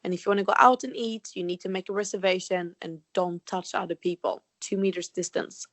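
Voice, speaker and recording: A woman's voice: on the low side, steady tone, fairly quick, no echo. Easygoing young Swedish-accented woman. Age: 20s. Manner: friendly, easygoing, laughs often. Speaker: podcast co-host, holistic health coach. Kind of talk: casual chat.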